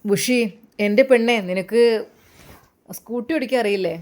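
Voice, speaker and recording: A woman's voice: on the high side, moderate pace, close to an everyday voice. A woman doing a cheerful doctor husband. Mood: affectionate. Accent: Malappuram Malayalam. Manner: warm coaxing questions, affectionate. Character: young man, cheerful caring doctor husband.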